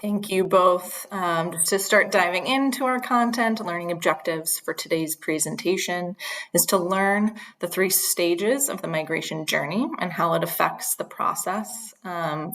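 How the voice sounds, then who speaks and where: A woman's voice: lowish voice, fairly bright tone, poor audio. A woman clinical social worker hosting an online training session, speaking earnestly with frequent ums. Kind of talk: webinar presentation.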